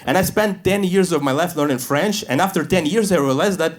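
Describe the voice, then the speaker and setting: A Russian-born man in his thirties performs stand-up on stage, his voice sitting a little higher than most men's. He delivers his stories with a dry, deadpan edge and throws in quick asides. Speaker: stand-up comedian. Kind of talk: stand-up comedy set. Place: stage before a live audience.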